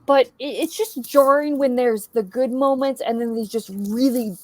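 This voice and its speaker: A woman's voice: fairly high pitch, normal speed, a little mellow, dry recording. A woman hosting a book channel, reacting to a movie adaptation with exasperated, swearing commentary, a bit tipsy from whiskey, over a video call.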